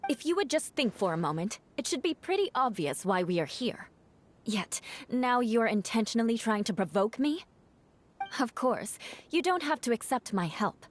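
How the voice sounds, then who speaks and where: A woman's voice: a little high, very animated, normal speed, slight background noise. A cool cutting noblewoman. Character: proud, cool young noblewoman fighter. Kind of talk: game voice acting.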